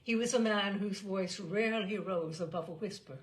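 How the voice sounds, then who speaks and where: The clip features a woman storyteller performing literary selections with dramatic narration. She has a mid-range voice and reads at a normal speed.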